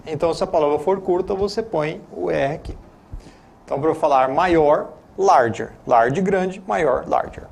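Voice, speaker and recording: Gravelly and breathy-edged, this fairly high male voice moves at a normal speed. The speaker, with a Brazilian Portuguese accent, explains English in a studio lesson broadcast, full of chatter, repeated tag questions and self-corrections.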